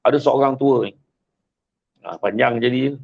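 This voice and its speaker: A man's voice: medium pitch, normal speed, vocal fry. A man with a Malaysian Malay accent giving a religious talk, telling a story with acted-out voices. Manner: animated, acts out story voices. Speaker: host giving religious advice. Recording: dull lo-fi sound.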